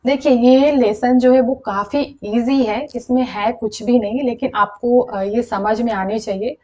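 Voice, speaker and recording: A woman's voice: fairly high pitch, steady tone, a little slow, dark tone, highs cut off. A young woman teaching an exam-prep lesson, explaining patiently and checking in with listeners as she goes. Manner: explanatory, repeats "thik hai" to check in.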